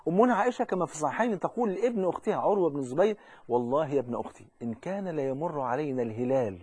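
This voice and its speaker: A man preaching a sermon with an Egyptian Arabic accent, fervent, slowing into emphatic recitation when he quotes scripture. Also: on the high side, darkish tone, no room sound. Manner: fervent, quoting hadith with slow emphatic recitation.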